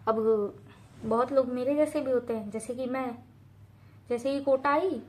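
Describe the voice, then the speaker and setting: A woman's voice: sits high, unhurried. A young woman from India giving earnest, direct study advice in a casual talk to camera, repeating points for emphasis and slipping in English phrases. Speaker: student advice vlogger.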